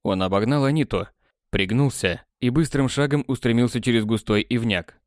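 A man reading a fantasy audiobook in an even storytelling manner, close to the mic. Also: medium pitch, normal speed, no room sound. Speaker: audiobook narrator. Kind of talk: audiobook narration.

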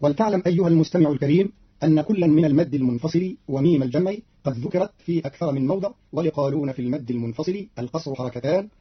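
A husky, fairly high-pitched man delivers formal explanatory narration at a brisk clip. He speaks in a measured, instructive way, like a radio announcer, and the sound is dull and lo-fi, as on an old archival broadcast.

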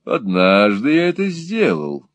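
A man's voice: medium pitch, huge pitch swings, measured pace, dry recording, voice pushed up. A man reading as a cold scornful old moneylender. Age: 60s. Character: cold hard-hearted old male moneylender.

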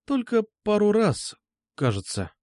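A hurt, gentle woman teacher, speaking quietly and flatly through tears, as a male audiobook reader puts her on. The voice sits well above a man's usual pitch. It is recorded close and dry. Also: measured pace, no room sound, exaggerated voice. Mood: shaken. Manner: quiet, detached, tearful delivery. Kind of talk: audiobook character voice.

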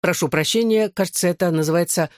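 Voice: mid-range voice, quick pace, no room sound, lightly acted. A reader voicing a cocky teenage boy in an audiobook, with a dry, sarcastic delivery. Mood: deadpan. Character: teen boy, cocky, deadpan, joking. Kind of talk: audiobook character voice.

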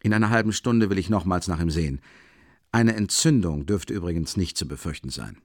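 A steady, firm doctor speaking in a low, measured voice, as a male narrator plays him, quiet and concerned. The sound is dry and close. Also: no echo.

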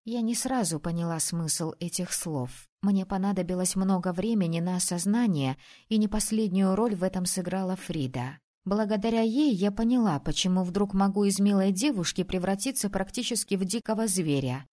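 A woman's voice: medium pitch, normal speed, few pauses. A woman narrating a first-person fantasy audiobook expressively, turning stern for the heroine's lines. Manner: expressive, switching to stern when speaking as the heroine.

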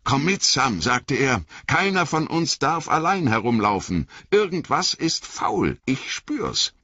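A man's voice: medium pitch, very animated, slow, bright, forceful tone, husky, dry recording, pitched above the performer's own voice, exaggerated voice. A man voicing a grim, commanding ranger who gives orders urgently. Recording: dry, slightly dull audio.

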